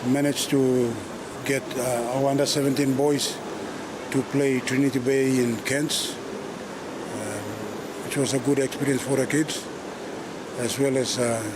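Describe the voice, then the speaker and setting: A man, a sports official speaking in a news interview, halting with many filler pauses. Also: medium pitch, steady tone, noisy background. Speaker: schools rugby league official.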